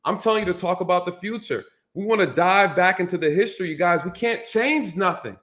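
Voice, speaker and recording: A man's voice: sits high, fairly quick, fairly bright tone. Emphatic man hosting a call-in stream. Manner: emphatic, repetitive preaching cadence. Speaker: host of a call-in show. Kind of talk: casual live-stream talk.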